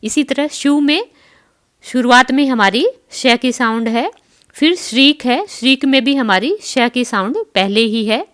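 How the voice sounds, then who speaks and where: A woman teacher giving an online school English lesson. She spells out words letter by letter, pronounces each one carefully, and reads English lines slowly before explaining them in Hindi to the children. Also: high-pitched, a bit bright. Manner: addresses her pupils as children.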